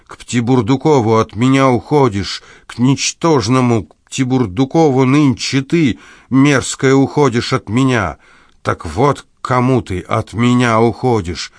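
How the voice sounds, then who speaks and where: A man voicing a self-pitying, pompous husband who whines in a slow, drawn-out, nasal voice in an audiobook. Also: lowish voice, dry recording, studio quality, close to an everyday voice. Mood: whining rant.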